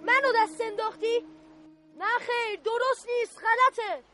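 A woman's voice: extremely high pitch, fairly even intonation, over loud music. Woman playing a stern young boy sentry. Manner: stern, officious, scolding. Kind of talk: radio play acting.

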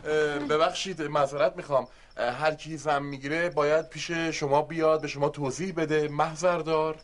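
A man's voice: fairly high pitch, fairly even intonation, slight background noise, natural voice. An actor playing a flustered young man who stammers and pleads while hiding his secret marriage. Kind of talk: TV comedy drama acting.

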